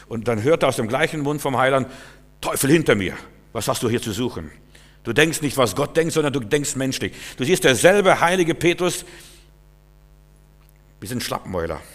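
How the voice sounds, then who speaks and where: A male preacher giving a sermon, speaking straight to his listeners and swinging between hushed and loud, emphatic lines. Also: medium pitch, long reverb tail.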